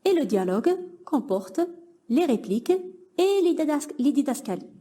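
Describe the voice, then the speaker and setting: A woman's voice: high voice, big pitch swings, moderate pace, dark tone. A young woman teaching a grammar lesson to middle-school pupils, patiently explaining and praising imagined answers.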